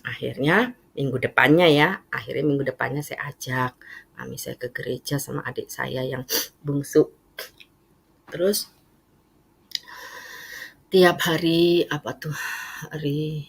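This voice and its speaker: Middle-aged woman with a husky voice, telling a church testimony casually. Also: sits low, a little slow, pauses often. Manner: lively storytelling with casual fillers. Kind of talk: personal testimony.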